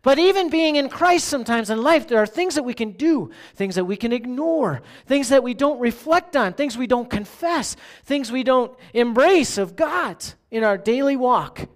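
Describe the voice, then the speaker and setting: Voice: sits high, expressive, moderate pace, few pauses. A pastor giving a sermon in a conversational way, often asking the listeners questions and checking in with "right?".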